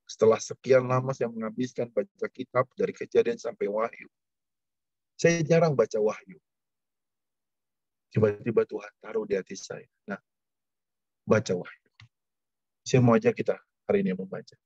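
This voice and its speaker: A man's voice: normal speed, a little mellow. A man preaches in an emotional, testimonial way, his voice leaping upward as he recalls crying out. The sound is dry, with no room echo. The recording is a little dull and muffled. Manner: emotional testimony, swinging pitch. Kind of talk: sermon.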